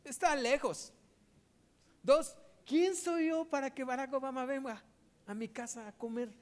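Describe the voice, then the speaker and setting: A man's voice: extremely high pitch, measured pace. A man preaching in a conversational way, asking the audience rhetorical questions.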